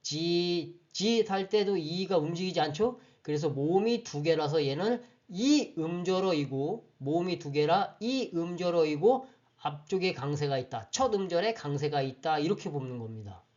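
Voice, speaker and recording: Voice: mid-range voice, expressive, moderate pace, darkish tone. Patient teacher explaining grammar, slightly dull recording. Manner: patient, explanatory, often checks understanding with questions. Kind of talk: online grammar lecture.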